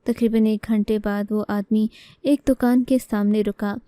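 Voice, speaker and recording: A woman's voice: mid-range voice, steady tone, dark tone, smooth, no echo, studio quality. A woman narrating an emotional first-person story in an earnest reading voice.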